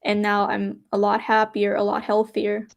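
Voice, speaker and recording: A woman's voice: mid-range voice, monotone, moderate pace, creaky. A young woman hosting a podcast, talking openly and reflectively about her own life. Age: young adult. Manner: reflective, open, with some restarts. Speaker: podcast host. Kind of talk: candid personal conversation.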